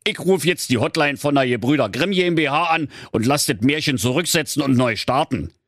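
A man's voice: medium pitch, expressive, fairly quick, a bit bright, dry recording, clean studio sound, voice pushed up, natural voice. A man voicing a grumpy, bossy male donkey with a Berlin accent in a comic audiobook. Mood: fed up. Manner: bossy, blustering, Berlin slang. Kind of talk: audiobook fairy-tale parody.

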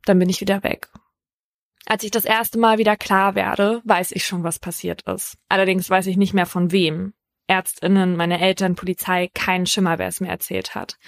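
A woman hosting a true crime podcast, telling a case in a measured, scripted first-person narration. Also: medium pitch, dry recording, studio quality.

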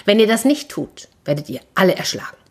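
A woman storyteller voicing a sly, flattering talking tomcat in boots who orders farm workers about and sweet-talks a wizard. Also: mid-range voice, fairly quick, slightly rough, voice pushed up. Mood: commanding. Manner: bold, persuasive, theatrically flattering.

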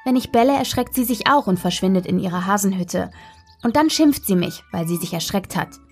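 A woman reading a children's story aloud in a gentle, playful way, narrating as a dog in the first person. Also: medium pitch, expressive, a little fast, slightly rough, soft background music.

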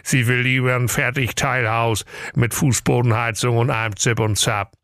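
A man's voice: medium pitch, fairly even intonation, normal speed, gravelly, fairly bright tone, clean tone, dry recording, clean studio sound, voice pushed up. A man voicing a good-natured, henpecked excavator driver who sounds exasperated in a comic audio fairy tale. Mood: weary. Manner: weary, exasperated, sing-song rhymes.

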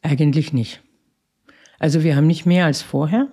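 A woman's voice: deep voice, fairly even intonation, moderate pace, dark tone, breathy edge. A woman, a head nurse answering interview questions in a matter-of-fact way with frequent hesitations. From Austria. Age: 50s. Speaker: head nurse of a psychiatric crisis ward.

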